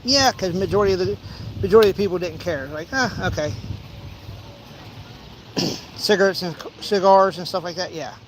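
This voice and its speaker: A man in his forties, a fishing vlogger, chats by a pond in a high-pitched voice at normal speed, pausing often. He rambles through anecdotes and acts out small exchanges. The recording is low quality, with some outdoor ambient noise.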